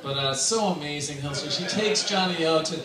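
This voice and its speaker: A man in his thirties, voice on the high side and at a normal speed, gives a lighthearted best man's toast to the crowd, breaking into laughter between lines. His handheld microphone is amplified through speakers inside a large wedding tent with a dance floor, and it's all filmed from afar. Expect an echoey, far-off sound with loud crowd noise and cheering, laughing guests.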